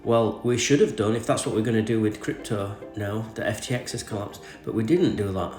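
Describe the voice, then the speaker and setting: A man's voice: on the low side, brisk, a little mellow, faint music behind. An English man with a groggy, sore-throated voice from a cold, hosting a news show where he reads articles and comments on them. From England. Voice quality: slightly groggy, congested from a cold. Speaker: podcast host and crypto news commentator. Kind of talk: reading an article aloud with off-the-cuff commentary. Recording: echoey room.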